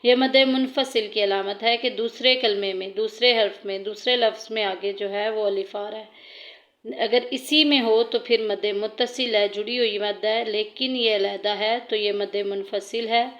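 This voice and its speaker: A woman teaching tajweed, patiently explaining each rule step by step between slow recited verses. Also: medium pitch, fairly even intonation, dull audio.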